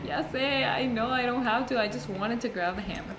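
A woman's voice: fairly high pitch, normal speed. A young woman commenting casually on a game, switching between English and Spanish with a joking manner. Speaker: gaming streamer. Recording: roomy sound with game music behind.

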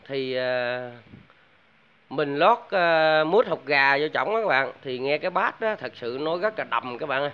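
A man talks casually and at length to his viewers, full of fillers and repeated words. His voice sits a little high for a man. The sound is dull and lo-fi, like a home recording. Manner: rambling, many fillers and restarts, addresses viewers constantly. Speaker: DIY audio vlogger. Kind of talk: casual chat to camera.

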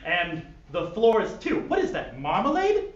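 A man's voice: high voice, wildly swooping pitch, measured pace, reverberant, distant mic, lo-fi sound, voice pushed up, heavily acted. A man voicing a prissy, posh, fussy male psychiatrist at a live stage reading.

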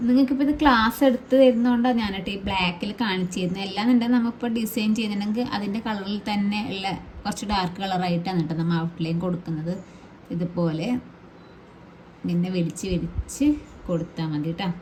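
A woman's voice: medium pitch, fairly even intonation, fast talker, darkish tone, slight background noise. A woman teaching a fabric painting class in a chatty, reassuring way, often adding little tag words. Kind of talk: casual how-to tutorial.

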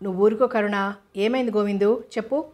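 A woman reading as a gentle orphanage warden. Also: medium pitch, fairly even intonation, brisk, close to an everyday voice. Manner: soothing, patient.

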